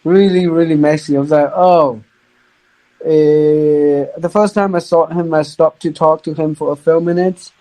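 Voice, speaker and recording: A young man from China whose first language is Chinese appears as a podcast guest, telling stories casually but haltingly, restarting sentences, repeating words, and using non-native grammar. His voice is a little high, soft and mellow, with fairly even intonation. The recording quality is low.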